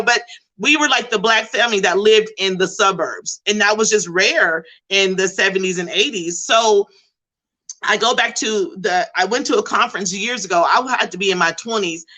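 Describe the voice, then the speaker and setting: Bright, emphatic woman educator. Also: medium pitch, low-quality recording. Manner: animated, emphatic storytelling. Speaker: behavioral support intervention specialist. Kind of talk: panel discussion.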